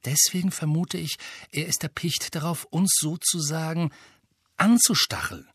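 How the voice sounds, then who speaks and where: A man's voice: on the high side, unhurried, fairly bright tone, husky, dry recording, clean studio sound, voice pushed up. A man voicing a worried, thoughtful teenage schoolgirl who picks her words carefully, in an audiobook. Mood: hesitant. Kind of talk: audiobook character voice.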